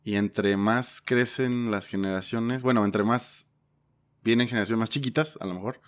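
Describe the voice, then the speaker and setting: A man's voice: lowish voice, steady tone, moderate pace. Upbeat man hosting a podcast. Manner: upbeat, jokey, welcoming. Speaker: podcast host. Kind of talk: casual interview chat.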